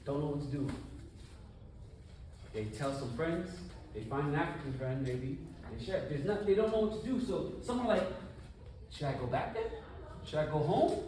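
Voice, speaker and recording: A man gives a conference talk in an animated, conversational way, often asking the audience questions. His voice sits a bit high. The sound is distant and very echoey, with faint noise in the background. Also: moderate pace, long pauses. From United States. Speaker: conference speaker. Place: conference hall. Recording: echoey room, from far off.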